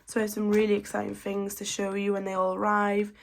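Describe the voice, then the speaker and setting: This woman in her 20s, a budgeting vlogger, talks chattily at a quick pace while counting banknotes aloud. Her mid-range voice is gravelly and a bit congested from a cold, with a little hiss or hum in the recording.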